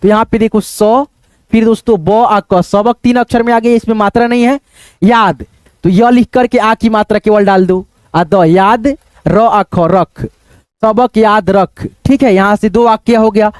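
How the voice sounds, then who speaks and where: A man's voice: sits high, fairly even intonation, moderate pace, smooth, dry recording. A man teaching Hindi reading and writing in an online lesson, patiently sounding out words syllable by syllable and repeating them.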